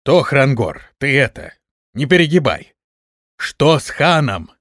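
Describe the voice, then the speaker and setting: A blunt, quick-tempered orc chief growls and barks his questions, as a male narrator plays him. The storybook reading moves lively in pitch and stays dry and close. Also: no echo. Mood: gruff. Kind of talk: audiobook character reading.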